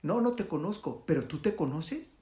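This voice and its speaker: A storyteller putting on a serene, gentle old sage, soft and unhurried, in a mid-range voice. The sound carries a roomy echo, like a talk recorded in an open room. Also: mid-range voice, expressive, natural voice.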